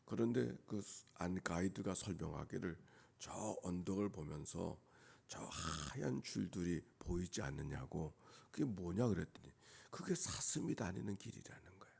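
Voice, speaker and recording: A male pastor preaching an early-morning sermon. He drops to near-whispers, builds to loud emphatic peaks and repeats key phrases for emphasis. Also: low voice, animated, moderate pace, vocal fry, slightly rough.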